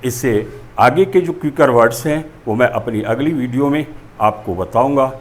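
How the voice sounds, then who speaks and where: A male teacher giving a Hindi-language lesson on spoken English, explaining step by step and saying model phrases slowly and deliberately. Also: medium pitch.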